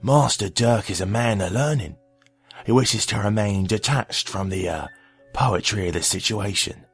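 An actor playing a hunched, squat male servant with a rasping, croaking voice and a sly, fawning manner. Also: lowish voice, moderate pace, a bit bright, soft background music. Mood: taunting. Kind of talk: audio drama acting.

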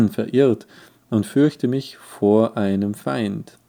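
A frightened young prince in a storybook reading, voiced by a man, fearful and pleading. The voice rises slightly above the narrator's dark, slow tone. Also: on the low side, creaky, full character voice.

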